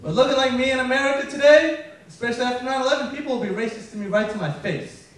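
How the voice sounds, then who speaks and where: A high-voiced young comedian from Afghanistan delivers a racing stand-up set on a comedy club stage, telling deadpan stories and acting out characters in quotes. He sounds distant on the live mic, and the room echoes heavily.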